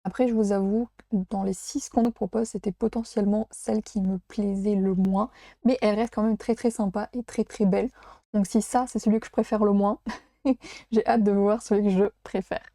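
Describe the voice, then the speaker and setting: Woman, casual unboxing chat, hesitant, mellow tone, dry close sound. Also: medium pitch, fairly even intonation, moderate pace, no room sound. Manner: chatty, hesitant with many fillers, laughs at herself. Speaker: unboxing vlogger.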